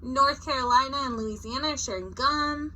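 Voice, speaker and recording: A woman with a high-sitting voice reads a picture book aloud at a moderate pace, storyteller-style, expressively acting out short character quotes and adding informal asides. The recording is rough, with a little hiss or hum.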